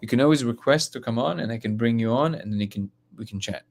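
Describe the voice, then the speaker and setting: A man's voice: medium pitch, fast. A man from Russia hosting a live stream, reading comments aloud and talking bluntly with frequent restarts.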